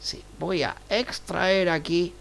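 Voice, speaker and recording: An unhurried male teacher leading a live online programming lesson, with a gravelly, creaky texture to his voice. He talks through each step as he goes and keeps checking in with his class. His pacing is deliberate and slow. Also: sits high, steady tone, fairly bright tone. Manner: unhurried, checks in with frequent "right?" tags. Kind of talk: live online class, thinking aloud over screen share.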